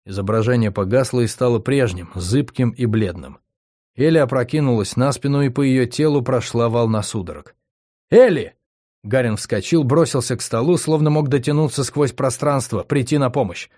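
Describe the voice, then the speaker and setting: A man narrates an audiobook in an even, measured read of scripted text. His voice is mid-range, and the recording is dry and studio quality.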